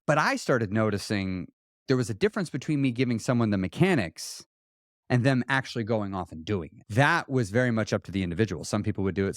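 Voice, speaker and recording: Animated man telling his story. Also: medium pitch, no room sound, studio quality. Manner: animated, acts out quoted dialogue, frequent restarts. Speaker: weight loss coach, podcast guest. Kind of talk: conversational interview storytelling.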